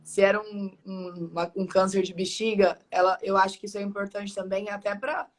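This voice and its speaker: A woman's voice: mid-range voice, little pitch movement. Woman host, affirming and conversational. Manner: affirming, quick to agree and add points. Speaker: interview host. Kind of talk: casual interview talk.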